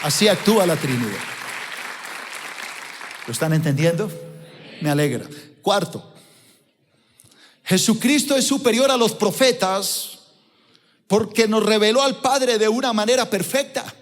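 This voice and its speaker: A man's voice: high-pitched, unhurried, long pauses, a faint crowd. A man preaching a sermon in a church auditorium, speaking emphatically and putting questions to the congregation. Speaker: pastor. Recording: long reverb of a church auditorium.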